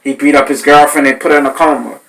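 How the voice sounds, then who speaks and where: New guy in his 30s on a podcast, bright forceful voice, cussing and acting out his stories. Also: fairly high pitch, fast, gravelly, slight background noise, poor audio. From New Orleans, Louisiana. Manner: animated, swearing, acts out voices in his stories. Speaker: podcast host. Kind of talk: casual storytelling.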